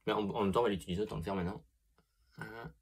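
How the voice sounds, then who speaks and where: A young man giving a casual makeup product review as a beauty vlogger, chatty and expressive, swearing freely and gushing over products. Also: fairly low pitch, very fast, breathy edge.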